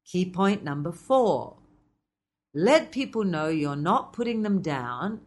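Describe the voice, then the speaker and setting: A woman teaching presenting skills to MCs, speaking in a measured, explanatory way with playful asides. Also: fairly low pitch, sing-song. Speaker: MC trainer. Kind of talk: instructional talk.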